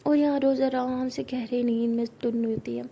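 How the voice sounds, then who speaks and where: A woman's voice: high-pitched, steady tone, normal speed, warm tone, slight background noise. Chatty young woman telling a story. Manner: chatty, uses many fillers. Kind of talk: casual spoken storytelling.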